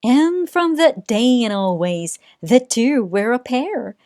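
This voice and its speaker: Slow, lively woman reading a storybook. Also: a little high, no room sound, clean studio sound. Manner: sing-song rhyming delivery with dramatic pauses. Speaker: storybook reader. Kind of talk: children's read-aloud narration.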